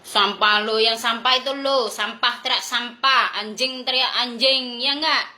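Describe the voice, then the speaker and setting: A woman's voice: fairly high pitch, fairly even intonation, a little slow, sharp tone, echoey room. A woman vlogger delivering a blunt, crude, confrontational rant to her viewers. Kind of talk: ranting monologue to viewers.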